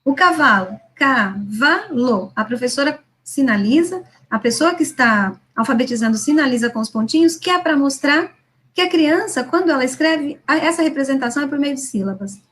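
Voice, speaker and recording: A woman with a Brazilian Portuguese accent lecturing on children's literacy over example slides, slowing down to sound out words syllable by syllable. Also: sits high, lively intonation. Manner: slows and stretches words to model a child reading syllable by syllable; didactic, with frequent "né?" tags and restarts. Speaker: literacy educator.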